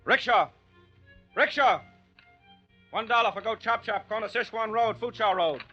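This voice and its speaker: Actor as high-pitched man hailing a rickshaw. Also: steady tone, brisk, faint music behind, close to an everyday voice. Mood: urgent. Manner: loud calling out. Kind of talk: 1940s radio drama acting. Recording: muffled old radio recording.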